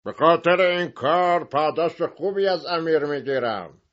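A male narrator doing a callous horseman who taunts a boy in a raised, higher voice. He speaks loudly and with scorn, and the audio sounds a bit dull. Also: close to an everyday voice. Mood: taunting. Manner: loud and taunting. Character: mocking, callous grown horseman. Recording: dull lo-fi recording.

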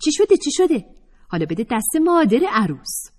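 A woman narrator voicing a brash young woman student who talks in a sassy, loud, mocking way. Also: fairly high pitch, sing-song, pitched above the performer's own voice. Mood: challenging.

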